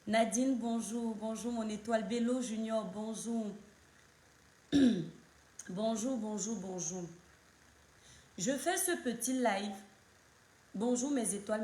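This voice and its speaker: A woman from Cameroon, hoarse from a cold, hosting a casual live stream and greeting viewers by name over and over. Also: mid-range voice, darkish tone, reverberant.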